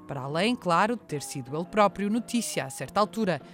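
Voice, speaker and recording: A woman's voice: lowish voice, animated, quick pace, soft background music. A woman with a European Portuguese accent, presenting a scripted documentary feature.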